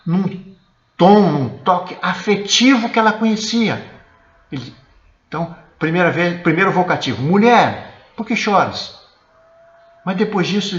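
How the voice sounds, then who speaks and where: A man's voice: fairly high pitch, a bit bright, echoey room, dull audio. A man with a Brazilian accent, a church elder teaching a sermon for an online service and often checking in with his listeners. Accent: Brazilian Portuguese. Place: church, indoors.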